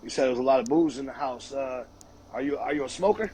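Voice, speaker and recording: A man's voice: medium pitch, fast, mellow, slight background noise. A man hosting a casual podcast chat, talking in a loose, slangy way peppered with swearing. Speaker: podcast host, interviewer.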